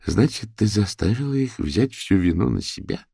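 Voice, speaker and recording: A man's voice: fairly low pitch, expressive, moderate pace, vocal fry, mellow, breathy edge, dry recording, clean studio sound, full character voice. A man voicing a wary woman who asks pointed questions.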